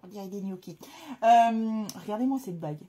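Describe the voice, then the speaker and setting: Woman, casual vlogger, breathy husky voice, excitable, slangy, lots of fillers. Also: mid-range voice, moderate pace. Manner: gushing exclamations, slangy and chatty; frequent hesitation fillers. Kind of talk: casual chat to camera.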